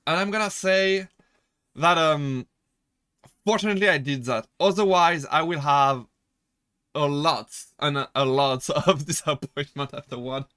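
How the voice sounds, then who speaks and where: A man's voice: fairly high pitch, a little slow, bright, forceful tone, smooth, no echo, studio quality. A man streaming as a VTuber, chatting casually, rambling, correcting himself and laughing often as he answers chat.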